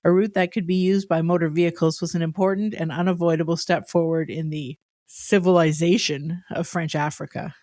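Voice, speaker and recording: A woman co-hosting a podcast, reading prepared notes in a steady, matter-of-fact way with dry asides. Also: lowish voice, a little fast, hardly any pauses, dry recording. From Canada. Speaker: podcast co-host presenting the topic.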